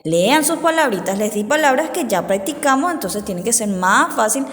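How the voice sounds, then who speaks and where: A woman teacher with a Paraguayan Spanish accent, giving a slow, patient dictation lesson to young children and spelling out words and syllables. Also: fairly high pitch, animated. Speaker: primary school teacher. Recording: roomy echo with long reverb.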